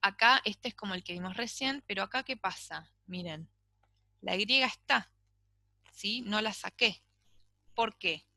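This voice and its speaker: A woman teaches a recorded English class, walking through each rule patiently and pausing to ask "¿sí?" after every point. Her voice is bright and clear, and the recording is dry, with no room echo. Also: mid-range voice. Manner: explains step by step, checks in with a frequent "¿sí?".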